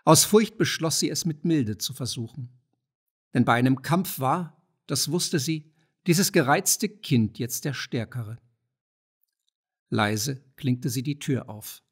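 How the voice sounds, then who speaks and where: Husky man narrating a classic novel. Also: medium pitch, lively intonation. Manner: measured, dramatic, slows on key words. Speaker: audiobook narrator. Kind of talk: scripted literary narration.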